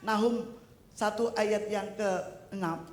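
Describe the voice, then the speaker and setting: A middle-aged woman from East Java, a pastor preaching a sermon in an animated way, with loud exclamations and humorous asides. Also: medium pitch, slow. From East Java, Indonesia. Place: church service hall. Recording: echoey hall with faint noise.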